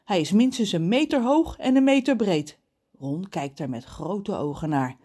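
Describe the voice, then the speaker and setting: Lively woman reading a children's story. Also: mid-range voice, normal speed, breathy edge.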